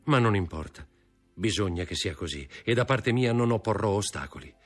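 A man voicing a proud young man in an audiobook reading, grave, measured and bitter. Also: on the low side, lively intonation, faint music behind. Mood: urgent.

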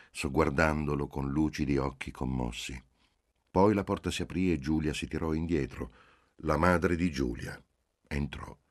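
Man, very low voice, dry close sound, measured literary audiobook reading. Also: no echo. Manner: measured, even-paced reading with soft voiced dialogue. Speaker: audiobook reader.

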